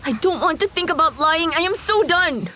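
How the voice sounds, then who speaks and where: A woman's voice: very high-pitched, expressive, normal speed, bright, forceful tone, a little hiss or hum, exaggerated voice. An actress dubbing a distraught, fed-up young woman who switches between Tagalog and English. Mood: defiant. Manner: emotional, mixing Tagalog with English. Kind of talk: Tagalog drama dub.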